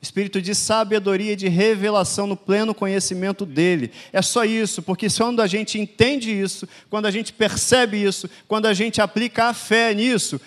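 High-voiced Brazilian preacher man. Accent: Brazilian Portuguese. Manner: emphatic, repetitive declarations that swell louder. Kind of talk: sermon.

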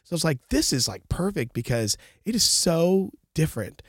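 This man's voice runs a little high and very animated, at normal speed with a breathy edge, and it's congested and nasal. Hosting a casual co-hosted podcast, he talks emphatically and keeps repeating himself for effect. It's captured in studio quality without echo.

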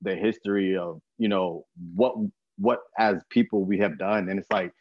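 With a low voice and fairly even intonation, a young Texan man hosts a podcast at a moderate pace. His talk is casual and conversational, full of slang and rambling. There's no room sound, but the audio comes across slightly muffled.

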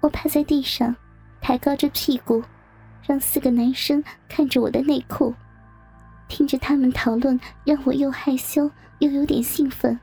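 A woman narrating a first-person adult story in a soft, breathy, near-whispered delivery. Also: high voice, steady tone, normal speed, soft background music.

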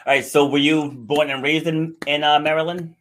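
A man's voice: fairly high pitch, steady tone, normal speed, fairly bright tone. A middle-aged man hosting a podcast, chatting casually and laughing a lot. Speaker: podcast host. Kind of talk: casual interview chat.

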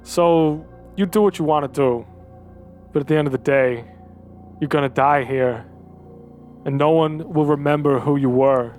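A man's voice: on the high side, moderate pace, darkish tone, soft background music, close to an everyday voice. A man playing a grim, resolute starship captain in a tabletop game, speaking steadily and defiantly.

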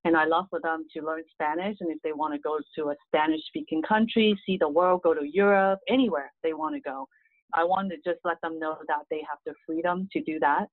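She has a deep voice and speaks fairly quickly, captured in a dry recording that sounds like tinny phone audio. The middle-aged guest, a real estate agent from Hong Kong whose first language is Cantonese, gives earnest, casual interview answers peppered with "you know."

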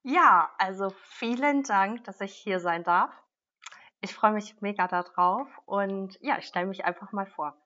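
Lively woman in her thirties, dull sound. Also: medium pitch, a little slow. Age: 30s. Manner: lively, laughs often, talks with her hands. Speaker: business mentor, guest. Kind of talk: casual interview talk.

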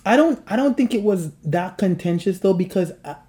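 A woman's voice: mid-range voice, lively intonation, normal speed, warm tone. Chatty woman podcast co-host. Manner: chatty, laughs often, many fillers. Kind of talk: casual chat.

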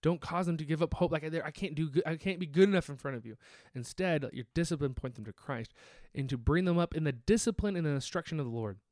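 A young adult man preaching in a sermon, his voice sitting a little high. He talks earnestly and plainly, restarting and repeating phrases as he goes. The sound is close and dry, with almost no room echo. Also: fast, a little mellow. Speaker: pastor. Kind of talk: sermon teaching.

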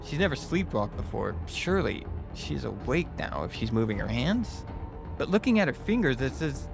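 A man with a mid-pitched voice narrates a scary story in the first person. It is a scripted storytelling read, with clearly audible music underneath. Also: sing-song, normal speed.

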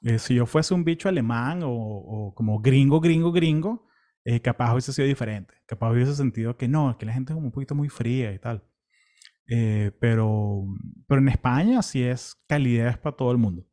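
A man's voice: mid-range voice, moderate pace. Chatty Venezuelan man telling travel stories. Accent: Venezuelan Spanish. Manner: relaxed, chatty, many fillers and restarts. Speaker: pilgrim recounting a walk. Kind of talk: casual travel storytelling.

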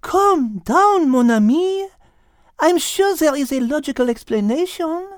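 A man voicing a calm, clever female animal sleuth with a put-on French accent, in a storybook reading. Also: very high voice, unhurried, dry recording, clean studio sound, voice pushed up. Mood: musing.

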